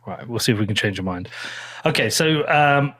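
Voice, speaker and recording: A man's voice: mid-range voice, lively intonation, moderate pace, sharp tone, husky. A man, hosting a casual interview, who talks bluntly, swears casually and keeps asking curious questions. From England. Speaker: podcast host.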